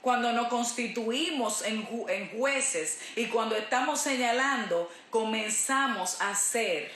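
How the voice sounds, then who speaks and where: A woman's voice: on the high side, slow, a bit bright. A woman pastor preaching a sermon in an emphatic way, repeating her key phrases. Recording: roomy echo.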